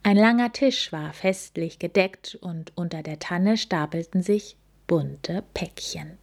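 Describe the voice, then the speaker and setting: A woman narrating a children's story in a gentle, even storytelling manner. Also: lowish voice, slow pace, gravelly.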